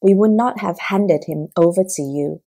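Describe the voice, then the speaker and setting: An insistent crowd of leaders demands a verdict, as a woman reader voices them. The low, mellow voice is pushed a little louder, still plainly read from the text. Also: normal speed, breathy edge. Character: angry crowd of male leaders. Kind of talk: scripted audiobook reading.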